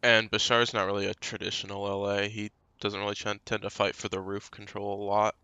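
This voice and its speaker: A man casting a live esports match in a relaxed, chatty way. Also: fairly low pitch, fairly quick, dry recording. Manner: relaxed, chatty, talks through a meal. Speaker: esports caster.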